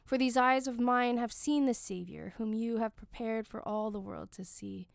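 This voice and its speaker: A woman leading worship, reciting prayers and scripture in measured, solemn short phrases. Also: a little high, vocal fry, clear, resonant tone, no room sound, clean studio sound. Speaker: worship leader reading the daily office. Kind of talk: liturgical prayer and scripture reading.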